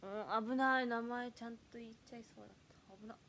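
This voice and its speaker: A young woman in her early twenties chats casually on a livestream, thanking viewers and reading their comments. Her voice sits very high, and it cracks upward whenever she raises it. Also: flat delivery, quick pace, slight background noise. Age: early 20s. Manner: chatty, reads fan comments aloud, voice flips up when loud. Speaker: idol livestream host.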